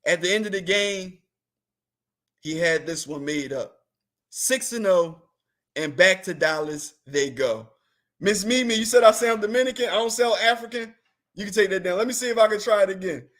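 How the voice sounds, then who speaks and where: At a normal speed, the show's host speaks in a high-pitched, slightly bright voice, rambling comically in slangy casual chat and laughing often.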